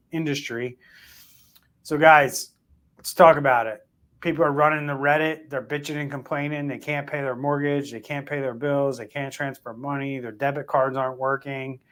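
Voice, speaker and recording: Male podcast host, mid-pitched, conversational, animated, restarts a lot. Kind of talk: casual cybersecurity discussion.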